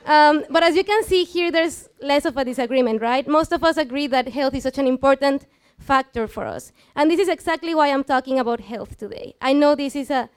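Speaking high and brisk with hardly any pauses, a Mexican-accented student in her twenties, whose first language is Spanish, presents a live explanatory science talk through a headset mic. She addresses a seated audience in a small lecture room, engaging them informally with questions.

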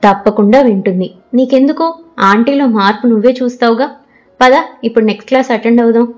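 A woman voicing a calm, kind teenage girl student who speaks gently and reassuringly. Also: on the high side, quick pace, dull audio, natural voice.

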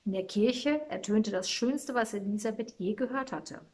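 A woman reading a Christmas storybook aloud in a calm, measured storytelling manner. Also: mid-range voice.

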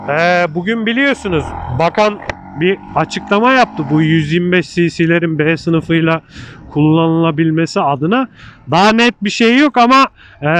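A motorcycle vlogger reviews a bike, riding outdoors in traffic and chatting casually and colloquially into a microphone inside his helmet. His male voice is high and a bit bright, and the recording clearly picks up engine, road and traffic noise.

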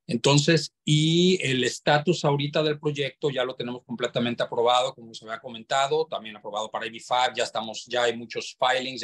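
A Mexican man with a mid-range, fairly bright voice appears as a webinar guest representing a property developer. He explains things informally over a video call, often searching for words.

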